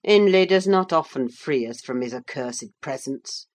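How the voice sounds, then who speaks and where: A woman's voice: a bass voice, animated, moderate pace, darkish tone. A woman voicing a sullen, jealous teenage boy with a blunt, insistent manner in a classic novel audiobook. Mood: defiant. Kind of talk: audiobook character acting.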